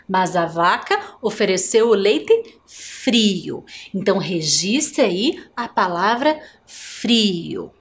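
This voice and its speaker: Speaking in a mid-range voice, this Brazilian Portuguese-accented woman teaches primary schoolers on television. She stretches words out syllable by syllable and puts questions to the children.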